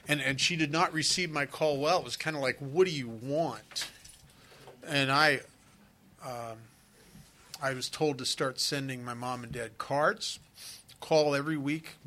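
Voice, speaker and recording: A middle-aged man giving an earnest, confessional personal testimony at a recovery meeting, with frequent halting restarts. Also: mid-range voice, pushed and bright.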